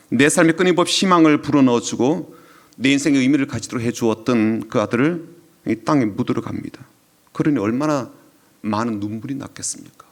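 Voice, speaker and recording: A male pastor preaching with deep feeling, his voice set at an ordinary middle pitch. He tells the story with emotion, sometimes sinking to a hushed whisper and then swelling again. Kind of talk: sermon.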